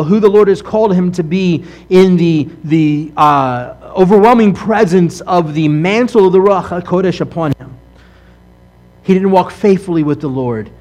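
A man's voice: a little high, dark tone. A man giving an earnest sermon as a rabbi, asking his listeners rhetorical questions and often checking in with "right?".

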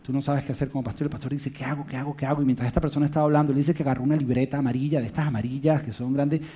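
A man in his thirties or forties preaching a sermon, telling family stories in an animated way and dropping to a soft, quiet voice to stress a point. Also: medium pitch, racing, breathy edge. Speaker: pastor. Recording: dull lo-fi recording.

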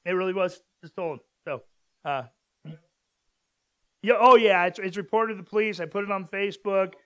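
A pastor from Southern California, a man in his forties with a fairly high voice, preaches in a loose, chatty way. He wanders through his points with plenty of ums and false starts. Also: moderate pace. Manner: rambling storyteller with many fillers and restarts. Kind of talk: casual conversational sermon.

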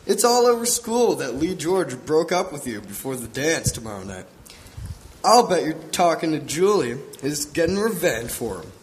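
A man's voice: a little high, big pitch swings, normal speed, rough recording. A man playing a cheeky, teasing teenage grandson in an amateur church skit. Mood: sulky. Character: cheeky teenage grandson who teases his sister.

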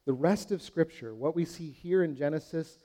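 A man's voice: on the high side, normal speed, dark tone. A man preaching a sermon, earnest and searching, asking his congregation questions and addressing them as friends. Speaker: pastor.

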